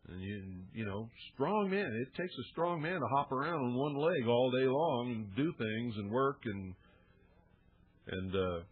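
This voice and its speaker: A man's voice: mid-range voice, animated, a little slow. A man hosting a radio talk show, making an earnest, heartfelt appeal with folksy fillers. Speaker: radio host. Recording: narrow phone-like radio audio.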